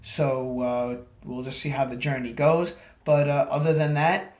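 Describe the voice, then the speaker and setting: A man recording a casual video diary, halting and slightly groggy after surgery. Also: mid-range voice, steady tone. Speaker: vlogger. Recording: echoey room.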